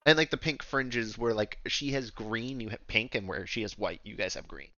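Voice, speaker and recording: A man's voice: fairly low pitch, moderate pace, pushed and bright, no room sound, highs cut off. A man narrating a tabletop game as game master, rambling and playful and filling his speech with "like". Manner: rambling, playful, full of "like" fillers.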